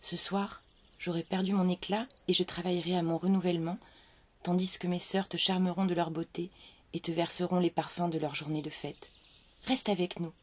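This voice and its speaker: Woman playing a soft, pleading rose. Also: lowish voice, little pitch movement, moderate pace, breathy edge. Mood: gentle. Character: gentle pleading female rose. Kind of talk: storybook reading.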